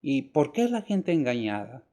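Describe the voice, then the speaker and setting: An older man preaching a sermon, asking rhetorical questions and swinging from emphatic rises to quiet drops. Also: medium pitch, very animated, normal speed. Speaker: pastor.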